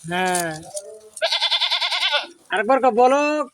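Slow-talking young man. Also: sits high, lively intonation, very noisy. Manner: coaxing a goat to talk, often loud and urging. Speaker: vlogger. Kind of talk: casual daily vlog. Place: outdoors with a goat. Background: goat bleats.

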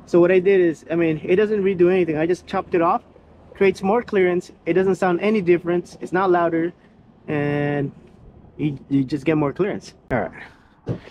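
A man with a high-sitting voice talks at normal speed in a steady tone, and the audio sounds dull. He's a vehicle builder giving a rambling, filler-heavy tour of his truck outdoors beside where it's parked, with faint outdoor noise around him.

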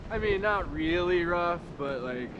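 A man's voice: high-pitched, expressive, measured pace, lo-fi sound. An easygoing man chatting casually while hiking a wooded trail outdoors. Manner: easygoing, laughs along. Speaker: hiking vlogger. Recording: loud wind noise on the mic.

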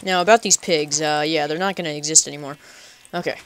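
A man's voice: a little high, fairly even intonation, quick pace, fairly bright tone, clear, resonant tone. A man giving casual, chatty let's play commentary, talking to himself playfully and making up goofy nicknames for animals. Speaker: gaming channel host.

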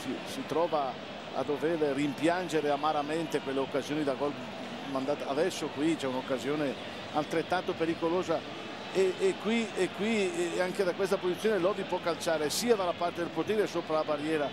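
A man analysing a live football match as co-commentator, talking conversationally and haltingly, repeating his phrases. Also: fairly high pitch, fairly even intonation. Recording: very noisy stadium broadcast.

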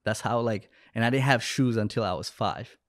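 This podcast guest, a young adult man from Bangladesh who runs a business and works as a coach, shares anecdotes in a relaxed interview. His voice is mid-range and his pace moderate. The sound is echo-free, captured close up on a headset podcast mic in an indoor room, either at home or in a studio.

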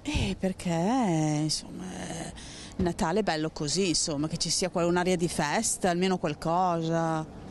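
A woman's voice: lowish voice, normal speed, a little mellow. Middle-aged woman, shopkeeper, hesitant, outdoors, faint street noise. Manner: hesitant, many fillers. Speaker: shop owner interviewed. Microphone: handheld interviewer mic.

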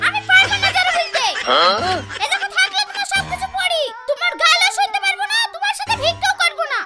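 A woman's voice: very high voice, fairly even intonation, fast, over loud music. A woman voicing a worn-down beggar wife who complains and wails. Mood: fed up. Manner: complaining, wailing.

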